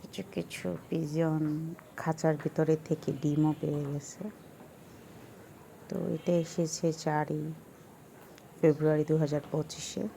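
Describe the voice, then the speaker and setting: A woman who works as a wildlife inspector, speaking, explains things in a relaxed, casual vlog style and mixes in English words. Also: low-pitched, takes it slowly, vocal fry, long pauses, a little hiss or hum, rough recording.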